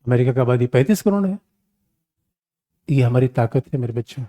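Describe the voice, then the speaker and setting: A man's voice: mid-range voice, lively intonation, a little fast, dark tone. A man teaching an exam-prep lecture on international relations, speaking casually and animatedly, calling his students "my children" and asking them rhetorical questions.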